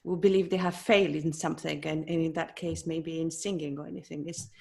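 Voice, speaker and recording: Woman, podcast host, somewhat low voice, attentive, soft agreeing murmurs. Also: fairly even intonation, fairly quick, creaky. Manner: attentive, gives frequent soft backchannel murmurs. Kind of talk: casual conversational interview.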